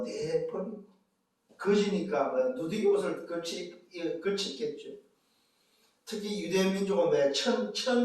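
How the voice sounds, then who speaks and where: A man preaching a sermon as pastor, emphatic and full of rhetorical questions to the congregation. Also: high voice. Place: church sanctuary. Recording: echoey church hall, distant mic.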